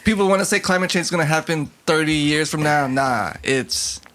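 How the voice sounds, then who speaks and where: A man co-hosting a podcast in casual chat, relaxed and quick to laugh, but firm when he makes a point. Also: fairly high pitch. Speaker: podcast co-host.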